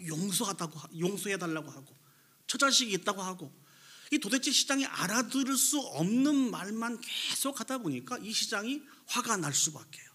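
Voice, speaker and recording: A male pastor preaching a Sunday sermon in church, telling a story and turning to the congregation with questions. His voice sits a bit high, husky and forceful. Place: church sanctuary.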